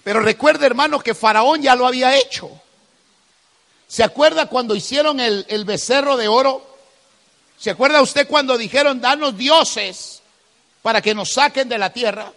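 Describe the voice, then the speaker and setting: A man's voice: very high-pitched, normal speed, fairly bright tone. A man, preaching a sermon as pastor, calling listeners "brother" and driving his points home with emphasis. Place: church hall. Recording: long hall reverb.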